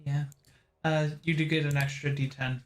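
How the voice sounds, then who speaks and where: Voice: medium pitch, level tone, normal speed. A game master refereeing a tabletop role-playing session in a casual way, with music behind.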